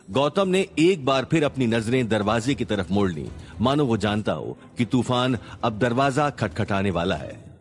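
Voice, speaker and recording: Dramatic male story narrator. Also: medium pitch. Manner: dramatic, suspenseful.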